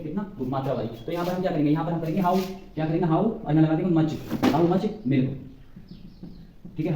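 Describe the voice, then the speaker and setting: A male teacher with a Hindi accent talks quickly in a slightly raised voice and keeps saying "ठीक है" as he works through grammar rules. His tone is dark and mellow. He sounds a little far from the mic in an echoey room with faint background noise. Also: fairly high pitch. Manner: repeats "ठीक है" constantly, dictates sentences slowly. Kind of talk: board lesson explaining grammar.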